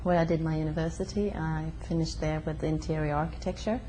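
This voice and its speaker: A young woman from Sweden, interviewed in her home, speaking hesitantly with many fillers and pauses. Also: low voice, steady tone, dark tone, slight background noise, rough recording. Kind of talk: casual conversation.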